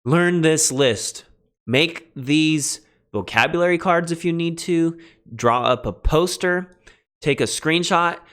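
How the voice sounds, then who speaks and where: A man teaching a lecture on biblical Greek grammar, emphatic and lively, with quick asides to his students. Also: on the high side. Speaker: Greek instructor. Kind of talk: recorded classroom lecture.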